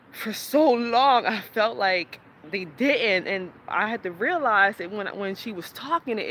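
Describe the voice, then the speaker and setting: A woman's voice: mid-range voice, fairly bright tone, a little hiss or hum. A young woman, talking candidly in a personal vlog, rambling and laughing often. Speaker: vlogger.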